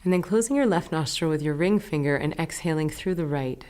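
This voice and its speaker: In a deep voice, a woman teacher leads a guided meditation, delivering gentle instructions slowly, with breaks between phrases.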